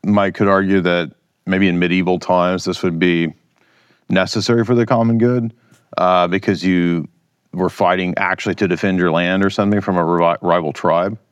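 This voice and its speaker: A man's voice: low voice, steady tone, normal speed, smooth, no room sound, lo-fi sound. A man giving casual, conversational political commentary as a podcast guest, explaining his opinions informally.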